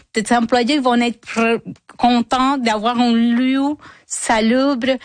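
A middle-aged woman from Colombia, answering interview questions about her cleaning work, halting and searching for words with many fillers. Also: a little high, no room sound. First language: Spanish. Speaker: cleaning worker, guest.

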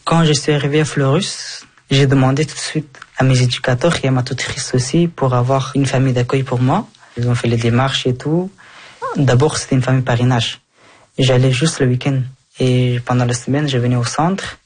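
A young man from Afghanistan talks calmly about his past in an interview. His voice is husky at a middle pitch, and his speech is careful, with fillers and frequent self-corrections. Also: normal speed. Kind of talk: calm personal account.

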